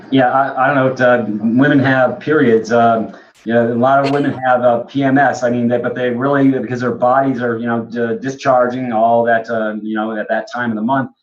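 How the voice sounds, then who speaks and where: A man's voice: medium pitch, fairly even intonation, moderate pace. A man hosting a casual talk show who speaks hesitantly, with many ums and uhs. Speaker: host. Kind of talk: casual chat. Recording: dull lo-fi sound.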